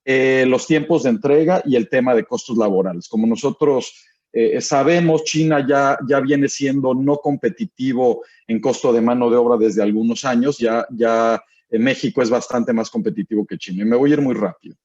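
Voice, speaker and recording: A man's voice: mid-range voice, moderate pace, a little mellow. A man giving a guest presentation in an online webinar, asking rhetorical questions as he walks through slides. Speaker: guest speaker. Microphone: video call. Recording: dull lo-fi call audio.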